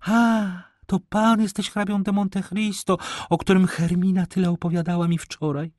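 A man's voice: sits high, level tone, moderate pace, a little mellow, no room sound, clean studio sound, pitched above the performer's own voice, close to an everyday voice. A man doing a frantic aristocratic young mother. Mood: excited.

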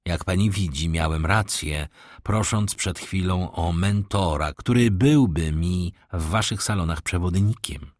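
A man voicing a calm, worldly count who speaks in a measured, courteous way, in an audiobook reading. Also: low voice, dry recording, studio quality. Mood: gallant.

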